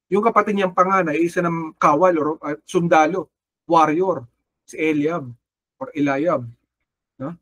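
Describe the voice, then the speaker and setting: A man's voice: on the high side, unhurried, pauses often, a bit bright, no room sound. A man preaching a sermon with a Filipino accent, mixing Tagalog and English and calling listeners brother or sister. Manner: switches between Tagalog and English, calls listeners "kapatid" often; acts out quoted figures with a raised voice. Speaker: pastor.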